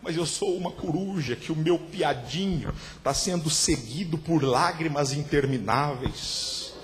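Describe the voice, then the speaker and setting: A man with a Brazilian Portuguese accent preaching a sermon in church, swinging from hushed passages to loud shouts. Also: a little high, a little slow, long reverb tail. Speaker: pastor. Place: large church hall.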